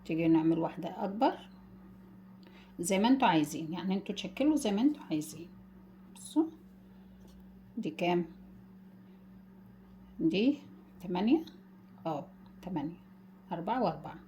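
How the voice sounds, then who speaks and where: A woman with an Egyptian accent hosting a casual home cooking demonstration, gently guiding viewers step by step and calling them her dears. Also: on the low side, lively intonation, brisk, long pauses, a little hiss or hum. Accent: Egyptian Arabic. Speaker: cooking channel host.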